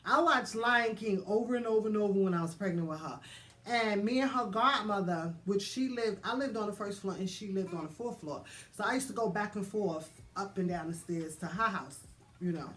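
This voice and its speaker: A mother telling her birth story in a casual, animated way, acting out voices. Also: medium pitch, fairly quick. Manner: animated, laughing, acts out voices.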